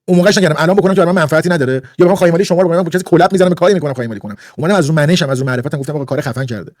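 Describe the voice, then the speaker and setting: A man's voice: a little high, a little mellow, no room sound. Indignant male streamer, dry close mic. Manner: indignant, lecturing, repetitive emphasis. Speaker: livestreamer. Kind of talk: heated livestream rant.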